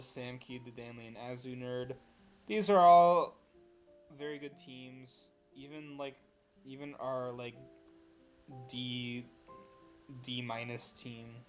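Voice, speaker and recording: A tired young man hosting a casual chat about league rankings, rambling with many fillers and self-deprecating asides. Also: mid-range voice. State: tired, losing his voice. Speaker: host of draft league power rankings.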